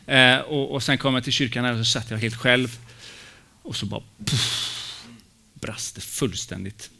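A man's voice: mid-range voice, gravelly, sharp tone. A man, a pastor, preaching a personal, emotional sermon with many hesitations and fillers.

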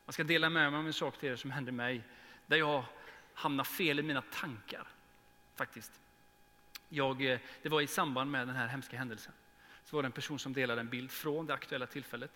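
A man's voice: mid-range voice, steady tone. A man preaching earnestly to his congregation as pastor, then leading a prayer. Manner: earnest, with emotional swells and soft prayerful drops. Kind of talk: sermon with prayer. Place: church hall. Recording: long reverb in a church hall, faint hum.

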